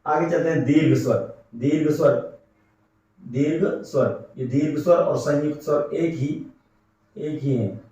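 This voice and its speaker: Recorded far from the mic in a very echoey room, a grammar teacher repeats key terms and asks his students rhetorical questions. His voice is a little high and dark in tone, a little slow, with frequent pauses.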